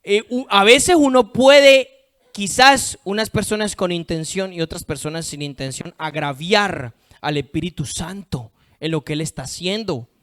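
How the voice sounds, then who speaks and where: Preacher guy, high clear voice, gets loud then drops way down. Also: measured pace. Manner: emphatic, swings from loud to hushed; reads scripture aloud. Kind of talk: sermon.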